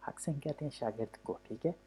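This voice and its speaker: A man's voice: mid-range voice, fast talker, mellow, slightly rough. A man teaching a language lesson from a textbook, explaining patiently and repeating himself, drawing out vowel sounds to demonstrate them. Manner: patient, repetitive, often says "okay" between points.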